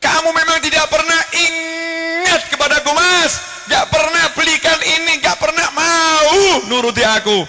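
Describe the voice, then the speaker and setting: A man's voice: very high voice, a little slow, few pauses, bright, forceful tone, faint music behind, pitched above the performer's own voice, heavily acted. A man mimicking a whiny nagging wife. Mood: complaining. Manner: whiny, reproachful. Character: nagging young wife scolding her husband.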